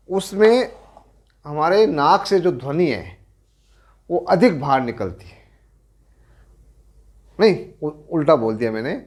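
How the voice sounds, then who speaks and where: Slow, deliberate Rajasthani male teacher. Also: a little high. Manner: slow, deliberate explaining with pauses and self-corrections. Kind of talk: Hindi grammar lecture.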